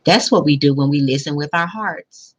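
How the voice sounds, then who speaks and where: A woman voicing an eager, kind-hearted schoolgirl from a picture book, in an earnest, expressive way. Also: deep voice, moderate pace, slightly rough, muffled recording.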